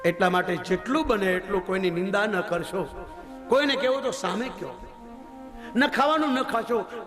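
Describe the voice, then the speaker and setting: A male preacher with a Gujarati accent, telling funny anecdotes and moral lessons in a chatty devotional sermon, laughing often. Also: very high-pitched. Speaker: Ram Katha preacher.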